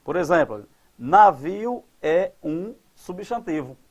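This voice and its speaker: Male grammar teacher, higher voice. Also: animated. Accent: Brazilian Portuguese. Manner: didactic, asks the class questions and answers them; stretches out example words slowly. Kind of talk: grammar lesson at a board.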